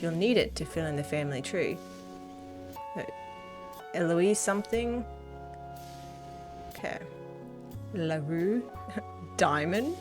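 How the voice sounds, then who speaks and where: A woman plays through a mystery game, chatting casually and joking at her own expense while reading the text aloud. Her voice sits a little low. Guitar music plays behind her. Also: slow, long pauses. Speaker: gaming channel host. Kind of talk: casual let's-play commentary.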